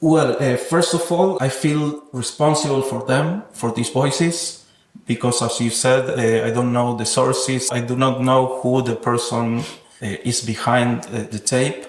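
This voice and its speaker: A reflective sound artist is interviewed about his own work in an echoey, roomy space. His mid-range voice stays steady and his pace is measured. He speaks thoughtfully, choosing academic wording.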